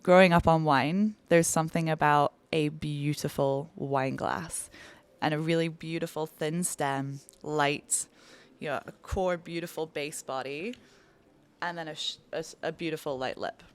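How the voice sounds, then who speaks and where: A woman's voice: deep voice, steady tone, a little slow, clear, resonant tone. A woman in her thirties from Belgium, a bartender talking enthusiastically in a casual podcast interview, lingering on descriptive words. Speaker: bartender guest.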